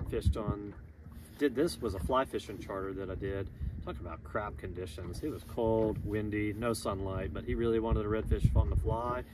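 Florida guide in his thirties, lowish voice, laid-back and chatty, loud wind noise over the boat recording. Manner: relaxed, chatty, upbeat, many "um"s. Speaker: fishing guide. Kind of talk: casual monthly fishing report to camera. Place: outdoors on a small boat on a lagoon. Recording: loud wind and water noise on outdoor mic.

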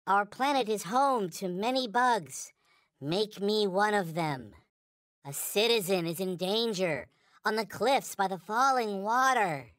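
A man's voice: high voice, lively intonation, measured pace, a bit bright, dry recording. A man voicing a small, polite, earnest toy alien from a video game, speaking in formal, stilted, backwards-ordered phrases. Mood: earnest, pleading. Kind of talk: video game character lines.

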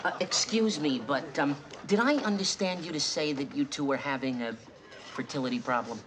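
An actor playing a hesitant earnest guest. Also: male voice, a little high, normal speed, close to an everyday voice. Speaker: party guest. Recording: hissy 1970s TV broadcast.

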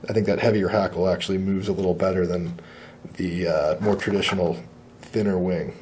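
A man demonstrating fly tying at a shop bench. He talks in a relaxed, plain-spoken way and often says uh. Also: deep voice, brisk, a little hiss or hum.

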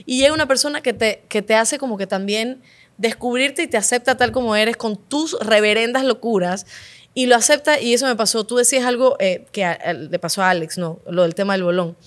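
A woman's voice: on the high side, brisk. A woman, hosting a casual, heartfelt interview and repeating words for emphasis. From Ecuador. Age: 30s. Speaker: talk show host.

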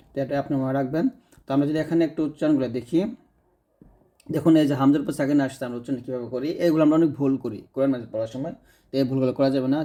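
A man gives a recitation lesson. He has a fairly high, mellow voice. He repeats each sound patiently, slowly drawing it out. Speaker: Quran recitation teacher. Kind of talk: tutorial lesson explaining letters.

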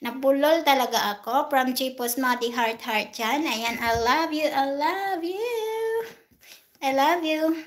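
Brief: young woman, high voice, unhurried livestream host, chatty and giggly. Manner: chatty, thanks viewers one by one, giggles often. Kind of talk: casual livestream chat reading viewer comments.

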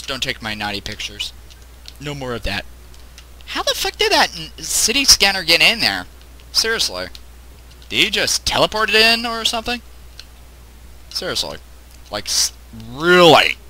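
Bright, lively-pitched young gamer man. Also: a little slow, long pauses. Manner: joking, swears and laughs at the game. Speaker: let's play gamer. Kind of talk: casual gameplay commentary.

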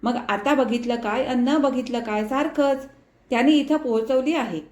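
A woman doing a worried, gentle mother. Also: fairly high pitch, moderate pace, pitched above the performer's own voice, lightly acted. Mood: anxious. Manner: anxious, pleading and soothing. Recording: echoey room.

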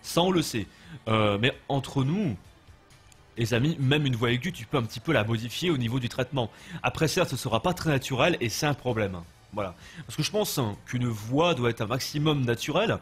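Husky young French man streaming casually. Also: mid-range voice, expressive, fairly quick, faint music behind. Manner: chatty, loose, answers chat, eating while talking. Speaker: gaming livestreamer. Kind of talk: casual live commentary while playing.

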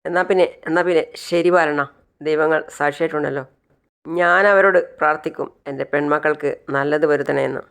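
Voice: mid-range voice, fairly even intonation, fairly quick, creaky, a bit bright, smooth. A narrator voicing a remorseful aging father who begs again and again to see his daughter, in a retold television serial. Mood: pleading. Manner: pleading, tearful, repeats "anna".

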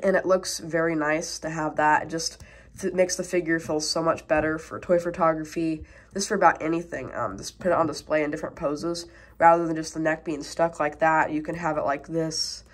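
This woman has a low voice with fairly even intonation and a brisk pace. Stuffed up with a cold, she rambles through a casual toy review full of fillers, handling the toys as she talks, captured at a tabletop on a camera mic.

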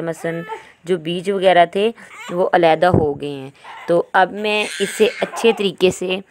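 A woman's voice: fairly low pitch, a little hiss or hum. A woman, hosting a home cooking tutorial as a voice-over, chatty and explaining each step. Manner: chatty, explains each step, often adds "theek hai". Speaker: cooking channel host.

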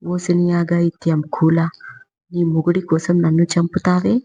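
A woman's voice: on the low side, completely flat delivery, normal speed, warm tone, breathy edge. A woman voicing a blunt, bossy older grandmother who lectures and scolds, on a dull lo-fi recording. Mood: scolding.

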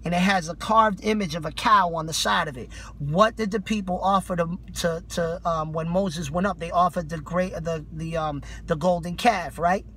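Male street preacher, high-pitched, sharp and forceful, zealous fanatical exhortation, colloquial slang, improvised sermon. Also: fairly even intonation, moderate pace, slight background noise. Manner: fervent, fanatical religious zeal, urgent and exhorting. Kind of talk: impassioned off-the-cuff sermon. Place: inside a parked car.

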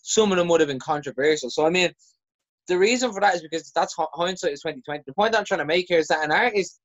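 A man's voice: fairly high pitch, fast talker, a bit bright, no room sound. An Irish man, a poet, speaking frankly and reflectively in a podcast chat, often restarting his sentences. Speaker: poet guest. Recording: dry, dull sound.

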